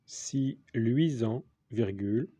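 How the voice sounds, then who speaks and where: A man dictating a text as a teacher, deliberately, in short repeated phrases with the punctuation spoken aloud. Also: medium pitch, warm tone, dry recording. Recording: dull lo-fi sound.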